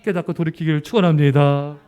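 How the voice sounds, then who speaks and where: A man with a notably high voice delivers a sermon at a church service. He preaches emphatically and keeps turning to the congregation with direct questions. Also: fairly even intonation, fast, mellow, clean tone. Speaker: pastor.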